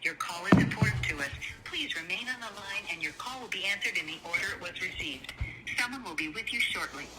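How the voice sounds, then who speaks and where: A woman's voice in a recorded phone hold message, reading a polite, scripted announcement in an even manner. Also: medium pitch, a little fast, faint music behind. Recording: noisy phone line.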